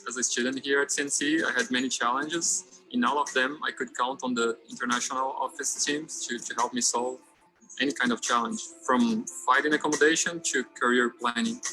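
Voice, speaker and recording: Bright-voiced student from Brazil. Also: male voice, mid-range voice, low-quality recording. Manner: grateful, earnest. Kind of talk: promotional testimonial.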